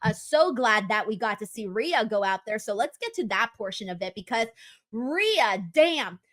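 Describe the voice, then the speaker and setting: A woman with a fairly high voice hosts a casual wrestling discussion. She speaks in an animated, conversational way, leaning into her points with emphasis. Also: normal speed. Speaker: wrestling talk show host.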